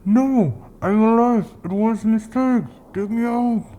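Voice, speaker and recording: A man's voice: very high-pitched, measured pace, warm tone, pitched above the performer's own voice. A man voicing a dead woman pleading from inside her grave, her voice muffled.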